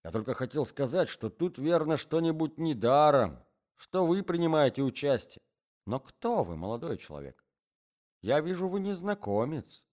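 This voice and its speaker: Brief: nervous imploring gentleman, voiced by a man, animated delivery. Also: fairly high pitch, moderate pace, pitched above the performer's own voice. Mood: pleading. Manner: anxious, imploring, formal phrasing. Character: flustered middle-aged gentleman, pleading and fussy.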